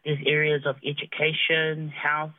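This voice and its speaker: An upbeat, fairly high-voiced man talks about his tech venture as a radio guest. His voice comes through a narrow, phone-like band, with no room sound around it. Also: monotone, unhurried, no echo. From New Zealand. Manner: upbeat, laughs often, proud of his roots. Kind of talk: radio interview.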